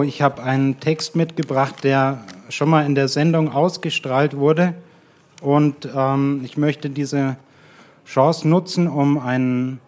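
A man reading his own short story aloud at a live radio event, in a calm and measured way that slows to quiet, drawn-out lines. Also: medium pitch. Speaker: guest author reading his own text.

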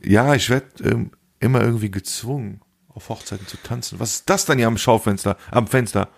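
A young man co-hosting a podcast, telling stories in animated casual chat with lots of street slang. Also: on the low side, fairly quick, gravelly. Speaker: podcast co-host.

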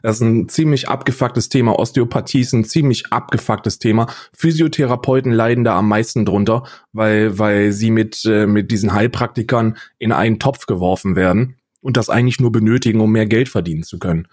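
Heiserer Mann, derb und sarkastisch. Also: male voice, on the low side, a little fast, hardly any pauses, a little mellow. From Switzerland. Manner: crude, sarcastic, emphatic. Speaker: podcast co-host. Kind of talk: casual political chat. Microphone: remote audio call setup.

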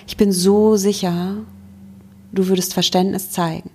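Female mindfulness coach, podcast host; breathy, gentle, encouraging, speaks directly to the listener. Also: medium pitch, little pitch movement, a little slow. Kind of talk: self-help podcast talk.

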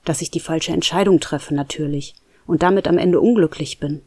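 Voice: medium pitch, normal speed, warm tone, dry recording, natural voice. A storyteller voicing an unsure young man who doubts his own choices, in a dry, close recording. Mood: doubtful. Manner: hesitant, doubtful.

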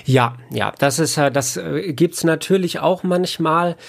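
An audiobook editor and producer, interviewed as a guest, reflects casually on his work. His voice is a little high and gravelly, and he keeps a measured pace.

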